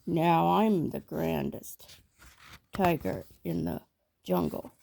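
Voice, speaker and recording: Woman playing a slow, menacing storybook tiger. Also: low-pitched, vocal fry, mellow, a little hiss or hum, voice pushed down, full character voice. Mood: boastful. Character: boastful, hungry tiger threatening to eat a child. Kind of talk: storybook read-aloud character voice.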